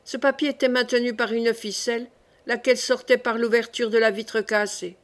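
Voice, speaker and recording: Woman reading an old novel aloud, steady and clear, voice a bit high. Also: moderate pace. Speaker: audiobook narrator. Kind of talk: scripted narration of a classic novel.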